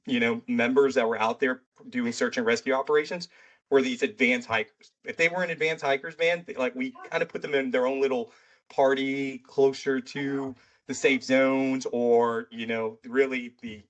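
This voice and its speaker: Male podcast host, mid-pitched, casual, chatty and rambling, military background. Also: fairly even intonation, moderate pace, a bit bright. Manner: loose and rambling, full of "you know" and "right". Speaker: military veteran.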